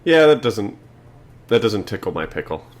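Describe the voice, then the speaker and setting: A man's voice: on the low side, big pitch swings, normal speed. A man from Austria chatting casually as a podcast co-host, with an easygoing, jokey way of putting things. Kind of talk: casual chat about video games.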